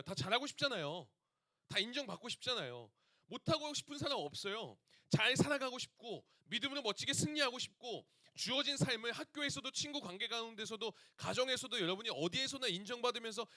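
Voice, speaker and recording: Brief: male youth pastor, high bright voice, lots of swing, keeps quizzing the room, dry close sound. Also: no echo. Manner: lively, asks the audience questions. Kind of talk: sermon to teenagers.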